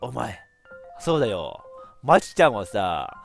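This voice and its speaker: A man's voice: lowish voice, big pitch swings, a little slow, vocal fry, faint music behind. A man with a giving casual, chatty game commentary and laughing at himself. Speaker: VTuber let's-play streamer.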